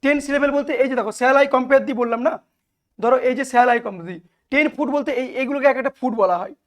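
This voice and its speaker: Higher-pitched woman teacher with a Bengali accent. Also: a little fast. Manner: explains step by step, asks and answers own questions, mixes Bengali and English. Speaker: English literature teacher. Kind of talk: classroom lecture.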